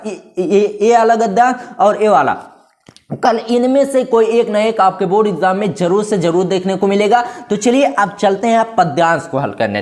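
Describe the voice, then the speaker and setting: A man teaching a Hindi exam-prep lesson, explaining step by step and often checking that students follow. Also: sits high. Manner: explains step by step, keeps checking "ठीक है", calls students "दोस्तों" and "बाबू".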